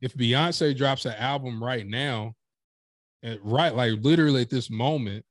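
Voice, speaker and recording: A man speaking as a podcast guest, in a mid-range voice, talking with lively emphasis and acting out little quotes. The sound is dry and close, with no room echo. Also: mid-range voice, unhurried. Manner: animated, emphatic storytelling with acted-out quotes. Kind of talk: casual interview chat.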